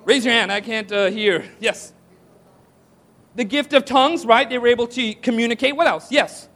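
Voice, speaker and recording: A man's voice: very high-pitched, moderate pace, a bit bright. A man preaching a sermon to a congregation, asking rhetorical questions and calling for responses. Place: church hall with audience.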